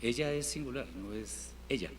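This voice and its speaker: A man teaching a Hebrew class in Spanish, patiently repeating words slowly for his students. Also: mid-range voice. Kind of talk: classroom language lesson. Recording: reverberant hall, faint room noise.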